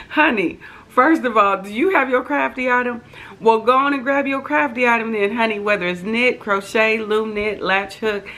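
A woman's voice: lowish voice, a bit bright, a little hiss or hum. A middle-aged American woman chatting to camera as a host, in an effusive, folksy way full of endearments. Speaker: host of a crafting devotional channel. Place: living room sofa, indoors.

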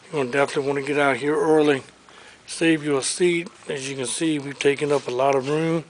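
On low-quality handheld-camera footage with slight background noise, a man with a fairly high voice and fairly even intonation tours a big warehouse showroom. He previews auction items, listing furniture and collectibles one after another with brisk, upbeat salesman patter.

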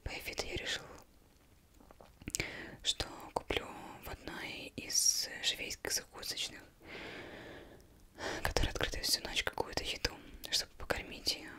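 A young woman reading a novel aloud as ASMR in a breathy, unvoiced whisper, very close, as if right in the listener's ear. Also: unhurried, pauses often, sharp tone. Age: young adult. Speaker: ASMR reader. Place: indoors, plain studio backdrop. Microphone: close microphone.

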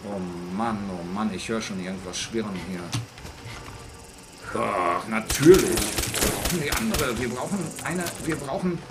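A man giving live gameplay commentary, talking to himself and jumping into shrill bursts of panic. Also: unhurried, over loud music. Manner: excitable, talks to himself, jumps up to shrill panic. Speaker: let's play host.

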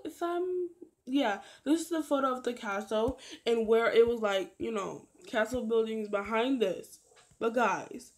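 A woman's voice: fairly high pitch, darkish tone. A tired woman who has just woken up, talking casually and a little unsure about a game update while showing pictures, with many fillers and trailing words. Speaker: gaming channel host. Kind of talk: casual screen-share commentary.

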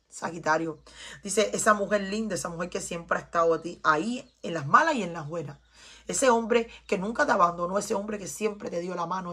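A Cuban tarot reader with a Cuban Spanish accent speaks in a fairly low, fairly bright, husky voice. She gives her viewers an emphatic, preachy reading and repeats herself often.

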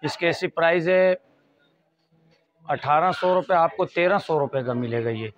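Faint music plays behind a fabric shop salesman in his thirties, who speaks at a moderate pace with a Pakistani accent. Inside the small shop, he gives a casual, repetitive sales patter full of prices, recorded on a lapel mic with dull, muffled lo-fi quality.

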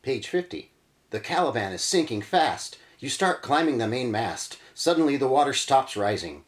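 A man hosting a read-through, reading a gamebook aloud with lively, dramatic emphasis and adding casual comments. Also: medium pitch, normal speed. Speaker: channel host reading a gamebook.

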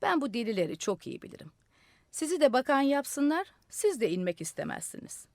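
A woman voicing a calm, sly old man who speaks slowly and knowingly, read in a radio studio. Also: high-pitched, creaky, no room sound, pitched above the performer's own voice, full character voice. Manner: slow, unhurried, measured.

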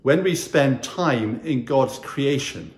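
An older man in his sixties gives a chapel talk at a very slow, unhurried pace, gentle and earnest in manner. His voice sits at an ordinary middle pitch. The recording carries a noticeable roomy echo from the small wood-panelled room. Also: expressive. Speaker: school chaplain.

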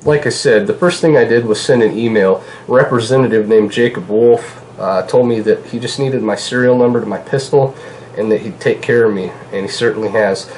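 A man in his thirties with a fairly low voice and a cold-stuffed nose chats a little fast with viewers from his home kitchen for his gun channel's casual product vlog. He rambles, relaxed, full of "uh" and "you know". The audio is poor, from a camera across the table with a faint room hum.

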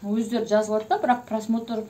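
A woman's voice: fairly high pitch, level tone, fairly quick, warm tone. A young woman vlogging a mukbang, chatting casually while chewing her food. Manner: chatty, mixes in Russian words. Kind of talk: casual chat while eating.

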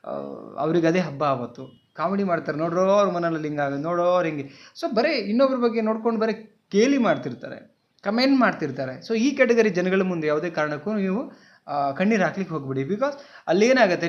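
A man's voice: high voice, lo-fi sound. A man with a Kannada accent giving an earnest, repetitive motivational talk to his channel viewers, mixing in English words. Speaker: motivational speaker.

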